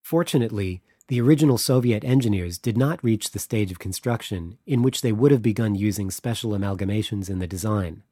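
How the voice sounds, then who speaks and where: A man's voice: lowish voice, brisk, few pauses, warm tone, no room sound, clean studio sound, natural voice. A man voicing a young Estonian woman official who explains things earnestly and a little formally, with an Estonian accent. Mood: explaining.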